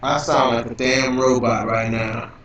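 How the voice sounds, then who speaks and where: A man's voice: mid-range voice, level tone, measured pace, a bit bright. A man talking casually on a live stream, his voice coming through with a clangy robotic glitch from his computer, loose and profane and repeating himself a lot. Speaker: livestream host. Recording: robotic, echoey, distant computer mic.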